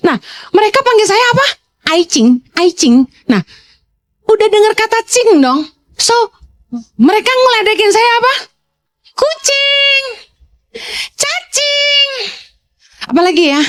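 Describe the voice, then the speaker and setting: High-voiced woman pastor preaching. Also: normal speed, pauses often. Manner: lively storytelling, mixing in English phrases; swings to high, playful exclamations. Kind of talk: preaching to a youth congregation.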